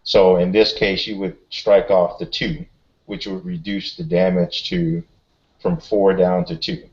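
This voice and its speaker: A man playing a tabletop game, talking casually and explaining moves and rules in a deliberate way. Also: deep voice, flat delivery. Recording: dull, lo-fi sound.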